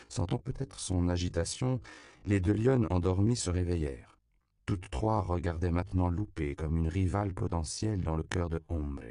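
A man narrates a novel in a deep, gravelly voice, measured and unhurried. The recording is dry and close, with no room sound. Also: dark tone, dry recording.

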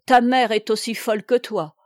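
A woman voicing an irritable young husband who shouts curt, angry outbursts in a read-aloud novel. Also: medium pitch, expressive, measured pace, no echo, clean studio sound, lightly acted.

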